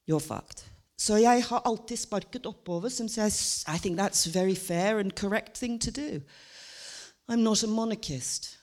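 A woman's voice: medium pitch, a little mellow. A woman who was trained as an actor, giving a stand-up monologue to a live audience and moving between chatty asides and theatrical declamation. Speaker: stage performer. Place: stage before a live audience.

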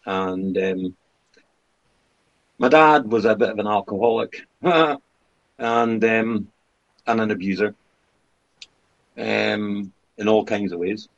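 A man in his fifties from the Scottish Highlands, with a Highland accent, talking casually and candidly about things in a conversational, storytelling way. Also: slow pace, gravelly, pauses often. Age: 50s. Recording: dull lo-fi sound.

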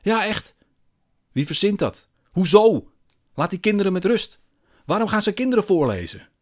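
A man voicing an angry middle-aged man who rants and shouts at a bar, indignant and bellowing. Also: on the high side, expressive, brisk, voice pushed up. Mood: ranting.

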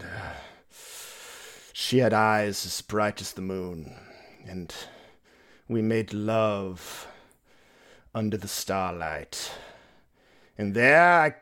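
A man voicing a pompous, touchy ancient male vampire who speaks in a grandiose, drawn-out, theatrical way. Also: lowish voice, fairly bright tone, pitched below the performer's own voice.

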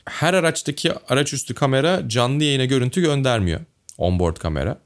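A man's voice: medium pitch, lively intonation, a little fast. A man co-hosting a casual talk show, giving opinions at length and thinking aloud with fillers. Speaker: podcast co-host. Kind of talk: casual conversational commentary.

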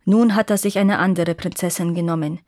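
A woman's voice: fairly low pitch, fairly even intonation, fairly quick, a little mellow, no echo, lightly acted. A grave old king in a storybook, speaking to his son in a weighty, explaining way, as a woman reads him aloud. The sound is close and dry.

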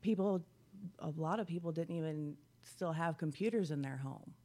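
A podcast host asking questions softly in a casual chat, often murmuring agreement. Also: medium pitch, moderate pace.

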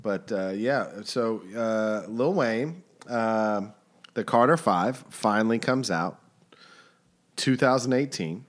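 A man's voice: on the low side, takes it slowly. A man co-hosting a casual podcast, laid-back and joking as he chats, with faint music behind. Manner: laid-back, joking, talks while eating. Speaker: podcast co-host. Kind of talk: casual chat.

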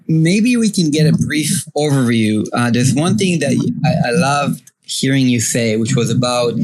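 A man's voice: mid-range voice, rough recording. Rambling casual podcast host, a man. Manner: rambling, many fillers, laughs often. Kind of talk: casual chat.

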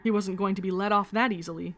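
A woman reading a first-person memoir aloud in a steady, measured storytelling manner. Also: medium pitch. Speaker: narrator.

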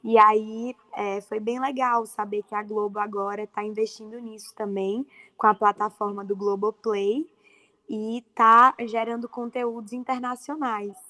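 A young actress from Paraíba, Brazil, with a Paraíba accent, talking earnestly in a casual interview with frequent fillers. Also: female voice, medium pitch, level tone, unhurried, sharp tone, dry recording. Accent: Paraíba Brazilian Portuguese. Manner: earnest, fluent, many fillers. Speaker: actress guest.

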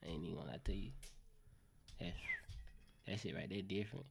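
A man's voice: low voice, brisk, vocal fry, background noise. A man co-hosting a podcast in casual chat, boisterous and crude with a lot of cussing. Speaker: podcast co-host.

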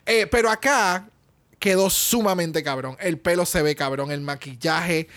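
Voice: medium pitch, unhurried, fairly bright tone. A podcast co-host chatting casually in emphatic, profane Spanglish, switching between Spanish and English slang. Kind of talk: casual chat, opinionated review.

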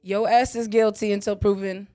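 A woman's voice: medium pitch, level tone, moderate pace, dark tone. A woman co-host bantering casually in a brash, slangy, profane way. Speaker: podcast co-host.

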